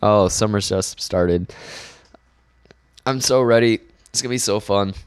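Laid-back young man, low, dry sound. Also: a little slow, clean tone, no echo. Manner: laid-back, joking, trails off quietly. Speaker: guest. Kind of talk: casual chat.

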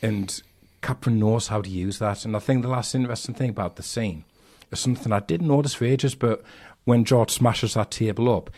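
A man giving a thoughtful, measured film review in casual podcast chat. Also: lowish voice, darkish tone. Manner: thoughtful, measured analysis with conversational asides.

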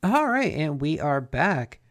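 A man's voice: a little high, big pitch swings, takes it slowly, fairly bright tone, soft background music. A man co-hosting a casual podcast, recapping a cartoon in laid-back, slangy talk. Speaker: podcast co-host.

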